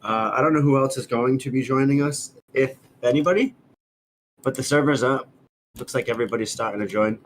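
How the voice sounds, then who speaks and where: A man's voice: medium pitch, brisk, low-quality recording. Cocky guy on a headset mic trash talking his buddies, bit of noise behind. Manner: brash, swearing, trash-talking. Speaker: gaming buddy. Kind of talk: casual voice-chat banter.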